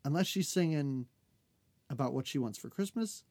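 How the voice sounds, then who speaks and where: A woman co-hosting a podcast, recapping an episode in casual chat, animated, laughing often and acting out characters' lines. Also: low-pitched, normal speed, no echo. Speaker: podcast co-host.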